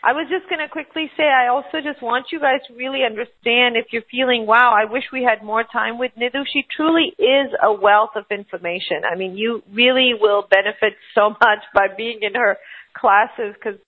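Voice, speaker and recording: Woman host on a call, fairly high voice, upbeat, reads out questions, sounds like a phone. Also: normal speed. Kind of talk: hosting a call-in telesummit. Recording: tinny phone line.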